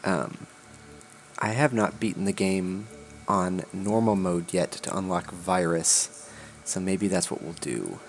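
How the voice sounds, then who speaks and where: A man's voice: low-pitched, takes it slowly. A man hosting a casual game stream, laid-back, reading game text aloud with dry asides. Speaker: channel host. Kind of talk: casual gaming chat.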